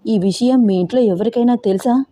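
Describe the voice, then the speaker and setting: A woman's voice: a little high, brisk, dark tone, close to an everyday voice. A woman doing an anxious young woman. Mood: worried. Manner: fretful, pleading.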